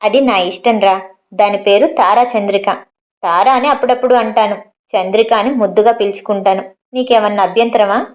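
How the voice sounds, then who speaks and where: A woman's voice: mid-range voice, fairly quick, close to an everyday voice. A woman reading a fond, firm mother's lines in a matter-of-fact way, in a dull lo-fi recording.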